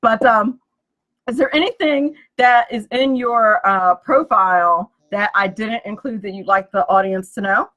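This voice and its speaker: A woman's voice: mid-range voice, measured pace, fairly bright tone, highs cut off. A woman hosting a business radio talk show, chatty and giggly as she introduces her guest. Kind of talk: casual radio chat.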